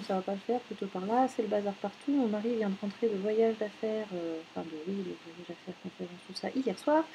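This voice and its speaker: A woman's voice: medium pitch, dark tone, slight background noise, poor audio. A woman in her thirties chatting casually at home as a knitting vlogger, rambling with many fillers and self-corrections. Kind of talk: casual chat.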